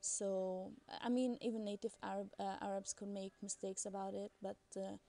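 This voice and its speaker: Soft-toned woman teaching letters. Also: medium pitch, steady tone, moderate pace, vocal fry. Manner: hesitant, many fillers and restarts, patient explaining. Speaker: Arabic language teacher. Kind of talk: casual recorded lesson.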